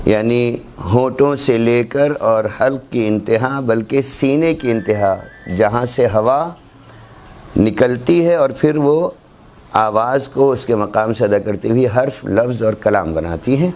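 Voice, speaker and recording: A man's voice: mid-range voice, darkish tone, slight background noise. A man teaching a class on Quran recitation rules, explaining step by step and repeating examples. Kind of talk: classroom lecture.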